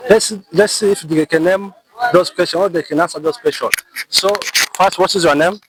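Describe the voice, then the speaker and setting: A man's voice: high-pitched, moderate pace, very noisy. A young man hosting his channel, casually interviewing classmates with short, easygoing prompts. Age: young adult. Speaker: channel host. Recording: busy outdoor recording with chatter around.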